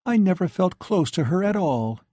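Brief: man putting on an icy, acerbic young woman, storybook reading, warm dry low tone. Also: sing-song, moderate pace, dry recording. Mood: detached. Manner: clipped and cutting. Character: cold, acerbic young woman bar owner.

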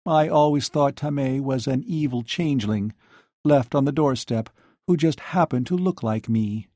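A man's voice: mid-range voice, moderate pace, warm tone, dry recording, clean studio sound, natural voice. A man reading an audiobook, voicing a young woman bar owner who speaks coldly and acerbically. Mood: detached. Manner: clipped and cutting.

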